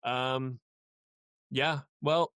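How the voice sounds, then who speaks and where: A man's voice: medium pitch, steady tone, drawn-out words, a bit bright, clean tone, no echo, clean studio sound. A man co-hosting a casual podcast, chatty and wry with a glum edge, often trailing off into fillers. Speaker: podcast co-host.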